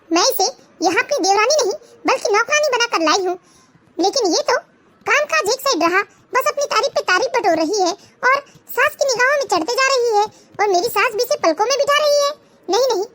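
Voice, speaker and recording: A woman's voice: very high voice, expressive, brisk, fairly bright tone. A woman voicing a jealous, scheming young sister-in-law in a cartoon, sneering and spiteful. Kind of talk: Hindi cartoon voice acting.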